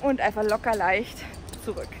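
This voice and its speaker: A young woman chatting on camera in a bubbly, excitable way while out on the street. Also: mid-range voice, moderate pace, slight background noise. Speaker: vlogger. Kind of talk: casual chat on camera.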